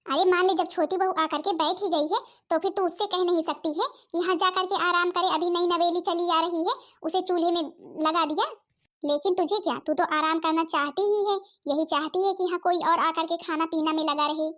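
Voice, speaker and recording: A woman voicing a sharp-tongued, scolding village mother-in-law in a cartoon, nagging and accusing. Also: very high voice, steady tone, a little fast. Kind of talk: cartoon voice acting.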